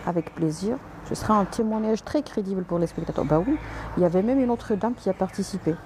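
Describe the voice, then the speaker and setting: A woman doctor answers viewers' comments on a live stream, speaking fast at a medium pitch over a noisy background. She is polite but direct, hesitates and restarts often, and slips in English and Arabic words.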